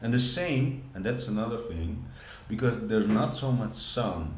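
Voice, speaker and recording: Here a Dutch-accented man in his forties from the Netherlands speaks in a lowish, animated voice at a measured pace. He rambles through a casual vlog monologue full of restarts and repeated words, recorded in an echoey room with a faint hum.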